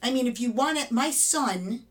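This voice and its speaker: A middle-aged woman hosting a podcast, telling an anecdote in a lively way and acting out the quotes. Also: a little high, moderate pace. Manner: animated storyteller, acts out quotes. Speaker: podcast host. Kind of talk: casual podcast discussion.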